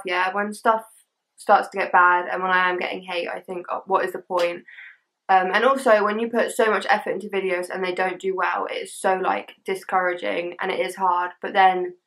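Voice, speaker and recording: A woman's voice: mid-range voice, fairly even intonation, normal speed, a bit bright, rough recording. A young adult woman with an English accent, chatting casually as a social media creator. She talks in loose British teen slang and peppers her sentences with "like". The style is informal, like reading out questions and answering them straight to camera. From England.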